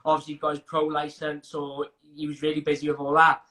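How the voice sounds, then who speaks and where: A young Welsh man talks casually as an interview guest. His voice is bright and a touch high. He rambles, restarts his sentences and laughs as he tells stories. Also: monotone, fast. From Wales. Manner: chatty, frequent restarts and fillers, laughs while telling stories. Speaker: MMA fighter guest.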